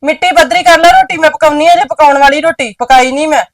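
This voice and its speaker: A woman's voice: high-pitched, quick pace, dry recording, natural voice. A woman playing a bossy, dismissive aunt who gives orders to her nephew about farm chores. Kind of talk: village short film acting.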